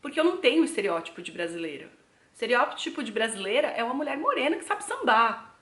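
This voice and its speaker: Talking fast and very animatedly, a young Brazilian woman with a slightly high, somewhat bright voice and a Brazilian Portuguese accent reflects aloud for her vlog viewers. She is a travel vlogger with a chatty style who calls her audience "gente," recorded in an echoey room.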